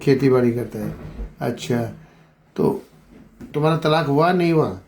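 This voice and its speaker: Brief: male street interviewer, insistent questioner, mid pitch, echoes each reply. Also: a little slow, a little hiss or hum. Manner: probing, repeats answers back, urges louder speech; calls people beta.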